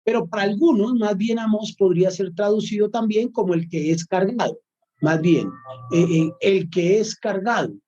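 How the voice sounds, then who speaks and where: A man's voice: high voice, normal speed, dark tone, highs cut off. A male Bible course professor giving a recorded lecture, thoughtful and full of hesitations and fillers.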